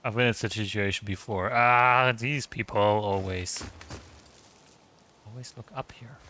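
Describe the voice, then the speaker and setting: A man's voice: lowish voice, steady tone, unhurried, pushed and bright, a little hiss or hum. A man giving casual, rambling commentary while streaming a video game, swearing casually. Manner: chatty, rambling, swears casually, many restarts.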